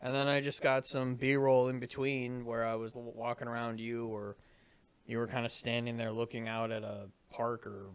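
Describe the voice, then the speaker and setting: A man chatting casually on a commentary track about a comedy series he made, relaxed and trailing off. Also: medium pitch, moderate pace, clean tone, dry recording. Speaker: co-creator commenting on his show.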